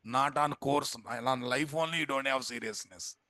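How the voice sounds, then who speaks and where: Lecturing an online class from an indoor computer setup, this male software instructor has a Telugu Indian accent and a blunt, informal style full of repetition and rhetorical questions. He speaks at normal speed in a bright, forceful mid-range voice, with no echo.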